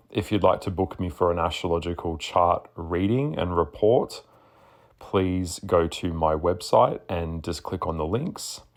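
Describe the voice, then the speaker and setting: A man with a deep, husky, just-woken voice, chatting casually as a podcast host in a sassy, blunt way. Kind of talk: casual spoken monologue.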